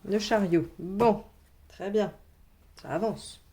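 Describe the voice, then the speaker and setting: This is a woman doing a tarot reading in an easygoing, conversational tone at a middle pitch. She thinks out loud, fills her pauses with little hesitations and keeps reassuring her listeners. Now and then she drifts slightly away from the mic while laying out cards. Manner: thinking aloud, many fillers, reassuring asides. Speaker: tarot reader. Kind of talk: casual tarot reading monologue.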